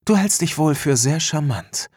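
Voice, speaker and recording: A poised, enigmatic young woman, put on by a male narrator in an audiobook, teasing and cutting. Her voice sits a touch higher, husky and unhurried. Dry, close sound. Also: expressive, darkish tone, no echo. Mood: cool teasing. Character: cool, enigmatic young woman, sharp-tongued. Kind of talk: audiobook dialogue.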